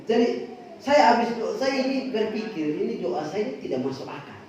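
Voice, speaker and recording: Preacher in an echoey church hall. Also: male voice, high-pitched, moderate pace. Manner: animated storytelling with bursts of loud emphasis. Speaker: pastor. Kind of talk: sermon. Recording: distant, echoey, dull church recording.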